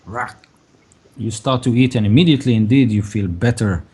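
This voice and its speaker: A man narrating a tabletop game as game master, improvising descriptions in a halting way. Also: medium pitch, darkish tone, husky.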